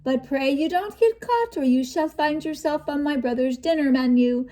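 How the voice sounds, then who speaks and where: A woman's voice: sits high, moderate pace, mellow, natural voice. A woman voicing a bossy, scolding female giantess in a storybook reading. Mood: teasing. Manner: scolding, mock-sweet.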